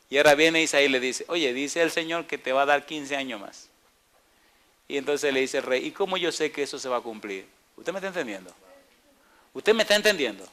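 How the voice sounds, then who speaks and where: A pastor preaching a sermon with animated delivery, asking the congregation questions and acting out dialogue in playful voices. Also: male voice, medium pitch.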